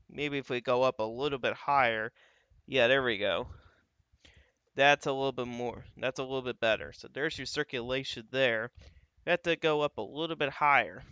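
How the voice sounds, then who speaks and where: A man's voice: medium pitch, sharp tone, smooth, no room sound, lo-fi sound. A man hosting a live weather stream, walking through radar images in a casual, thinking-aloud way. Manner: casual, thinking aloud, frequent "uh" and "you got". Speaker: livestream weather host.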